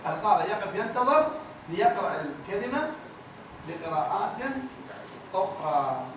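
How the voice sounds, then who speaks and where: Male recitation teacher, very high voice, patient and repetitive, chants examples; booming echoey room, mic far off. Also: noisy background. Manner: explains patiently, repeats words, chants verses slowly. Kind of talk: classroom lesson with chanted examples.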